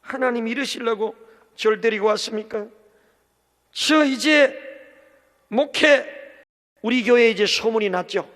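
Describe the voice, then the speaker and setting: A middle-aged man preaching a sermon as pastor, telling a story with swings from shouting to hushed speech. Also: very high-pitched, unhurried, pauses often. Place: large church hall. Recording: long church hall reverb.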